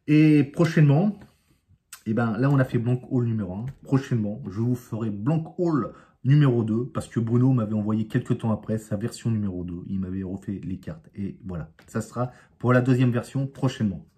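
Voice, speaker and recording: A man's voice: medium pitch, normal speed, warm tone. A man from France, an amateur magician, telling a playful story to camera with sound effects and asides. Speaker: amateur magician, channel host.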